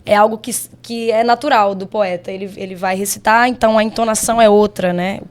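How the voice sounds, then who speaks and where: A woman's voice: medium pitch, fairly even intonation, brisk. Brazilian woman poet chatting reflectively. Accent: Brazilian Portuguese. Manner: reflective, with frequent soft laughs. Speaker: guest poet. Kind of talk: casual podcast conversation.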